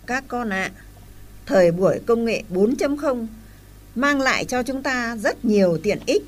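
A woman's voice: fairly high pitch, lively intonation, measured pace, slight background noise. Woman as an older grandmother, firm and lecturing. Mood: advising. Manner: scolding, then advising. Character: older grandmother, wise and scolding.

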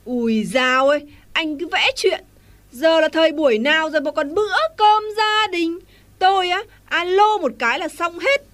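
Woman as a fussy, complaining middle-aged wife, high voice. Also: moderate pace, a bit bright. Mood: dismissive. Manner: complaining, exclaiming. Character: busy, dismissive middle-aged wife and mother.

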